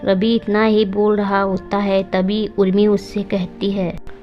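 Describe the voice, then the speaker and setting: A woman tells a story in a plain, even storytelling voice of middle pitch with little rise and fall. The narration sounds dull and lo-fi. Soft music plays underneath. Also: slow.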